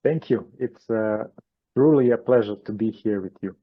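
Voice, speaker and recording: Low-voiced Croatian man, hesitant. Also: normal speed, muffled recording. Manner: hesitant, many fillers and restarts. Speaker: guest channeler. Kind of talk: interview answers.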